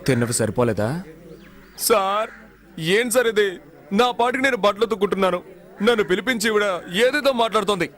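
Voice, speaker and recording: A man's voice: sits high, animated, fast, pauses often, a bit bright. A cheeky jailed con man. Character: scrappy young male con man, jailed. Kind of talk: Telugu film dialogue.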